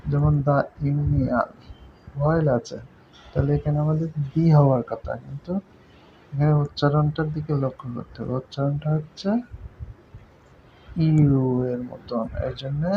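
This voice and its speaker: A man explaining a grammar lesson patiently, repeating points and checking that listeners follow. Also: on the high side. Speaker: teacher. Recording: dull lo-fi recording with faint noise.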